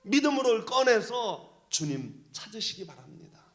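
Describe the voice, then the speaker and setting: A pastor preaching a sermon with emphatic delivery that swings from loud calls down to soft near-whispers. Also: male voice, sits high, very animated, unhurried.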